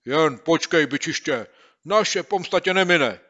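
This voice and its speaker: A bold schoolboy ringleader declaims with raised, emphatic energy, as a male narrator puts him on. The voice sits a little higher than plain speech and sounds bright, in a slightly lo-fi storybook recording. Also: animated, lightly acted. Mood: threatening. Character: bold, scheming schoolboy sleuth. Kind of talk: audiobook character voice.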